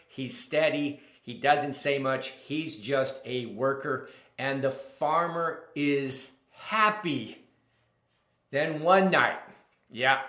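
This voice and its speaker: A middle-aged man, a financial advisor, telling a story to camera in a deliberate way. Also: a little high, fairly bright tone. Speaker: financial advisor, firm founder. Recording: roomy echo.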